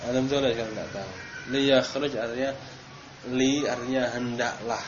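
A man's voice: mid-range voice, fairly even intonation, moderate pace. Man teaching grammar in a noisy room. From Indonesia. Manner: questioning students, stressing drill words. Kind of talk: classroom lesson. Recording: dull noisy classroom recording.

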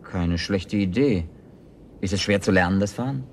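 An actor playing a sceptical ex-athlete and reluctant drifter in a German radio drama, laconic, wry and a little hesitant. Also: male voice, sits low, normal speed. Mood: wary.

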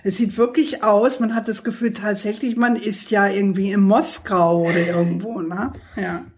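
An older woman from the United States, a native English speaker and author, chats as a guest in a casual interview. She often searches for words and adds tag questions. Her voice is medium-pitched, with fairly even intonation and a moderate pace.

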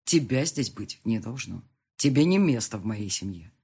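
A man voicing a domineering, mocking adult man who blackmails the heroine, speaking low and slow with a husky voice in an audiobook. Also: big pitch swings, darkish tone, exaggerated voice. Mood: menacing. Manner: low, slow and menacing, with taunting laughs. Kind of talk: audiobook dialogue reading.

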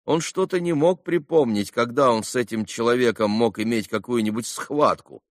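A man narrating a classic novel as an audiobook, theatrical and animated. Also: mid-range voice, moderate pace, no room sound, clean studio sound.

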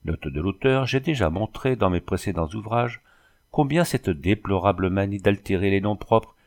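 A man reads an adventure novel aloud in a measured, dramatic manner. His voice sits low and carries a gravelly rasp. The reading is steady and deliberate. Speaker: narrator. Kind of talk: audiobook narration.

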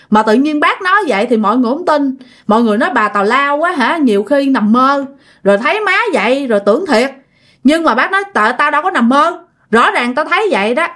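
A woman telling a ghost story in a chatty, expressive way, talking straight to her listeners. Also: high-pitched. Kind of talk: casual ghost story narration.

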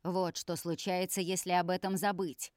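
Woman reading a cold, commanding vampire patriarch in an audiobook; low, dry, lecturing. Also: level tone, normal speed, darkish tone, dry recording, lightly acted. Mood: cold stern. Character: stern domineering male vampire elder, cold and harsh.

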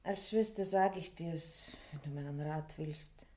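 A consoling eldest sister. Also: female voice, deep voice, unhurried, darkish tone. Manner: soothing, earnest. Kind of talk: 1960s radio drama acting.

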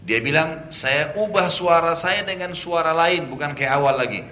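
A man's voice: moderate pace, bright, forceful tone. A man preaching a storytelling religious lecture, animatedly retelling events, acting out the characters' lines and dropping casual asides. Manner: casual asides with conversational fillers. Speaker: Islamic preacher. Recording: roomy echo with faint rumble.

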